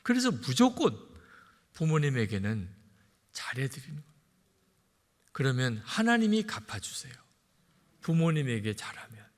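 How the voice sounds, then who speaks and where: A middle-aged male pastor preaching a sermon in a lively way, acting out the voices of parents he quotes. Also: medium pitch, normal speed, pauses often. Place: large church sanctuary. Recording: long hall reverb.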